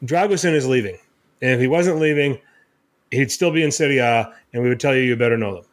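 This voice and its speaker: A man's voice: medium pitch, quick pace. Man rambling through football recaps. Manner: rambling recaps with many fillers and restarts. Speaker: podcast host. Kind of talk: casual football podcast chat.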